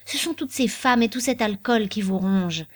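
A blunt, motherly old servant woman, as a woman reader voices her in a storybook reading, pleading and scolding by turns. Her voice climbs when she scolds. The pitch sits in an ordinary middle range. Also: fairly quick, a little mellow, no echo, natural voice. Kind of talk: audiobook reading.

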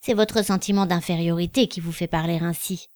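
A woman voicing a calm, perceptive old man in a storybook reading, speaking in a measured, gentle way. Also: on the low side, no room sound, close to an everyday voice. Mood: calm, grave.

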